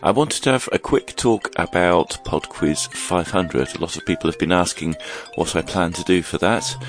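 A man with a croaky, froggy voice from a bug, hosting a quiz podcast in a scripted narration style. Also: deep voice, normal speed, soft background music.

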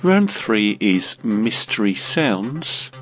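A man with a croaky voice from a cold, hosting a quiz podcast and reading out scripted questions. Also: fairly low pitch, sing-song, drawn-out words, soft background music. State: has a cold.

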